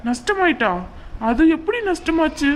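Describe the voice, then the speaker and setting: A woman's voice: sits high, animated, normal speed, a little hiss or hum. A woman voicing a firm but caring uncle in a cartoon family drama. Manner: firm, reassuring.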